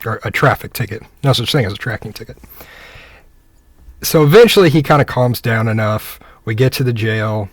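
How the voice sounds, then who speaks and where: A man's voice: medium pitch, normal speed, no room sound. Casual young guy telling a cop story, easygoing, acts out the lines, dry close sound. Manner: laid-back, conversational, acts out the dialogue. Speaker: police officer telling a story.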